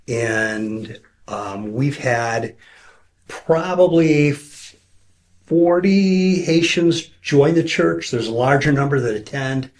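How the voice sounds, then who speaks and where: A man talking with a church member in an earnest, quick way, often restarting his sentences. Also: medium pitch. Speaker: pastor interviewing a church member. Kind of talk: casual conversational interview.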